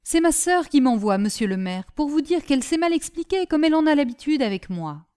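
A woman's voice: sits high, big pitch swings, brisk, dark tone, pitched above the performer's own voice. A woman reading aloud, voicing Gribouille, a simple-minded, earnest young peasant boy who tells his tale eagerly. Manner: naive, eager, breathless storytelling.

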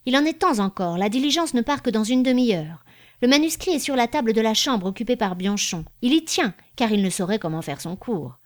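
A woman's voice: on the high side, expressive, fairly quick, close to an everyday voice. A woman reading the part of a bold, cynical young male journalist from Paris who is brash and insistent, in a storybook reading.

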